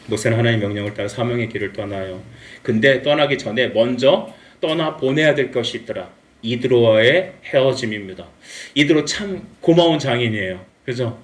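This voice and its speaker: A male pastor preaching a Sunday sermon in a church, lively and humorous, acting out the characters' lines. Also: medium pitch, a little fast. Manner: animated, acts out dialogue with humor. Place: church sanctuary. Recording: echoey room, mic at a distance.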